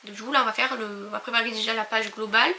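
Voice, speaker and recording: A woman's voice: a little high, fairly even intonation, racing, very noisy. A young woman chatting casually to camera in her own bedroom, full of fillers and restarts. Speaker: vlogger. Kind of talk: casual vlog chat.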